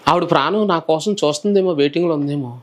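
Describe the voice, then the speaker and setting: A man who is a preacher, telling his personal testimony in a calm, soft-spoken way during an interview. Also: a little high, quick pace.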